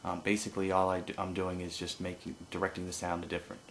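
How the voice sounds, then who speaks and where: A man giving an informal hands-on tutorial as an instructor, explaining haltingly with pauses and no script. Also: low voice, flat delivery, creaky, slight background noise. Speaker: duck-calling instructor.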